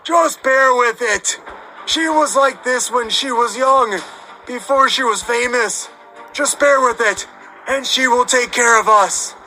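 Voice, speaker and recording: A man voicing a passive old father who speaks slowly to soothe. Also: extremely high pitch, pushed and bright, soft background music, pitched above the performer's own voice, full character voice, rough recording. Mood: soothing.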